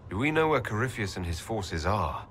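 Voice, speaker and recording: Weary, low-voiced male game hero. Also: very animated, moderate pace, a bit bright, slight background noise. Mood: weary, concerned. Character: weary, earnest male hero recovering after battle. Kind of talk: dramatic video game dialogue.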